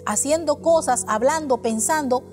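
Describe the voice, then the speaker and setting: A woman with a high, bright-pitched voice delivers an earnest sermon, posing question after question to her congregation. Her voice rings through a hall with a long reverb tail. Soft music sits faintly underneath. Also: moderate pace. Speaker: preacher.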